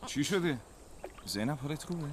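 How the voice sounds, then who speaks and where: A man's voice: a little high, expressive, slight background noise, close to an everyday voice. A man voicing a smug, sly young man. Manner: smug, teasing. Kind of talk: dubbed TV drama. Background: music.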